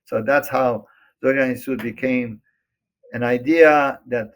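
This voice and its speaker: Casting: older Lebanese-raised man, gravelly, hesitant storyteller, interview guest. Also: mid-range voice, steady tone, a little slow. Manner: hesitant, with many restarts. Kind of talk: reflective storytelling.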